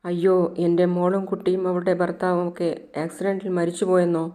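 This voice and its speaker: Grieving old father in a told story, read by a woman narrator, low, flat voice. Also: fairly quick, close to an everyday voice. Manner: low, even reading voice. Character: grieving elderly father, broken by news.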